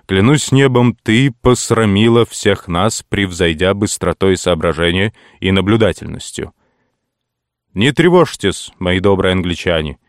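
A man reading the part of a bold warrior king who gives loud, rousing commands in a storybook. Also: low voice, normal speed, clear, resonant tone, no echo, clean studio sound, close to an everyday voice.

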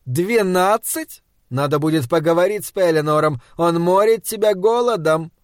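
A brusque, sardonic monster hunter barks orders and pokes fun in a gruff, raised voice, as a man reading an audiobook puts him on. The delivery is commanding and mocking, and the recording is dry and close. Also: fairly high pitch, expressive, measured pace, a little mellow, dry recording.

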